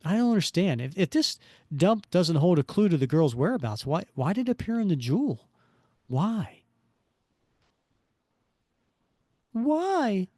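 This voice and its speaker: A man's voice: high-pitched, sing-song, normal speed, darkish tone, no echo, studio quality, voice pushed up. A man voicing a wisecracking young male superhero, with a sardonic, joking inner monologue. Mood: puzzled.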